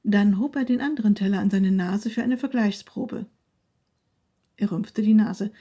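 Warm-voiced woman reading a story. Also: mid-range voice, moderate pace. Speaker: narrator. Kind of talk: read-aloud story.

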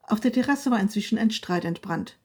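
A woman reading a story aloud in a calm, even narrating voice. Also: medium pitch, a little fast, breathy edge.

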